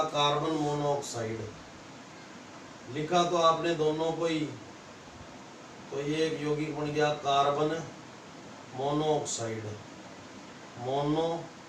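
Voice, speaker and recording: Rajasthani hindi guy teaching science class, kinda high voice, slow, repeats stuff, far from the mic in a roomy classroom. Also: steady tone, a little hiss or hum. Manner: slow, repetitive explaining to students. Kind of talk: classroom lesson. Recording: echoey room, mic far off.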